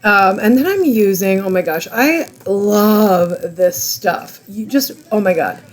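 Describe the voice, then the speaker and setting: A woman's voice: mid-range voice, takes it slowly. A woman hosting an art channel, talking casually and enthusiastically through a tutorial while stumbling over product names. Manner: chatty, rambling, enthusiastic.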